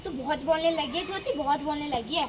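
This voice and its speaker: A woman's voice: high voice, fast talker, a crowd in the background. A woman playing an elder daughter-in-law in a comedy skit, lecturing and arguing.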